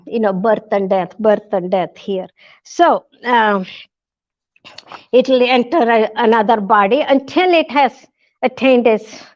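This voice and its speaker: Woman guest speaker, storytelling lecture, slightly high voice, dull and dry recording. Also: a little mellow, no echo. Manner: halting, many restarts and fillers, acts out quoted lines.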